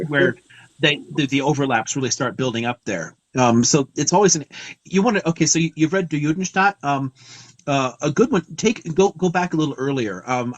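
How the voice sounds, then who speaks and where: A man's voice: mid-range voice, no echo, low-quality recording. Thoughtful man explaining history, dry sound. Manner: thoughtful, digressive, many fillers. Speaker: host. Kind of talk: casual lecture on a live stream.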